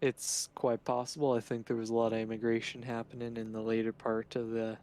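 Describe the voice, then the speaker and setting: A man playing a tabletop horror game, speaking in a flat, monotone way. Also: medium pitch, brisk, slight background noise. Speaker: player. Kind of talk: casual tabletop game chat.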